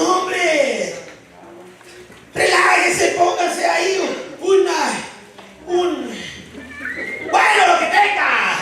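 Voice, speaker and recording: A fervent male pastor with a very high voice, preaching a lively sermon full of shouted lines and jokes. He sounds distant, swallowed by a very echoey church hall. A congregation is clearly heard around him.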